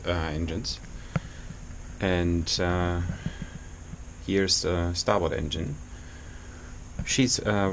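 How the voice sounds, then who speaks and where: A very low-pitched man with non-native English talks through an informal video tour of his boat. His delivery is halting and explanatory. He is recorded in a small engine compartment, with clear noise behind the voice. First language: not English. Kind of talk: informal vlog walkthrough.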